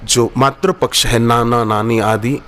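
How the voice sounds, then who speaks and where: A man's voice: medium pitch, fairly even intonation, measured pace, fairly bright tone. A man giving a devotional sermon at an ashram gathering, quoting Sanskrit verses and acting out bits of dialogue as he tells stories. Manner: storytelling, quotes Sanskrit verses, acts out dialogue. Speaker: spiritual teacher.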